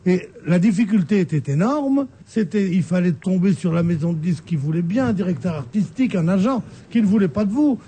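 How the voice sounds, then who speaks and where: A man's voice: sits high, animated, brisk, hardly any pauses, warm tone, husky. A man on a radio panel giving strong opinions, stumbling and repeating his words. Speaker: regular panelist. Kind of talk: radio talk show chat. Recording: radio broadcast studio.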